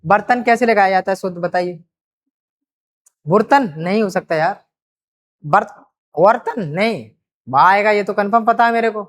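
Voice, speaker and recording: A woman's voice: medium pitch, normal speed, long pauses. A woman teaching a grammar exam-prep lesson, addressing students fondly and drawing out repeated words as she works through each question.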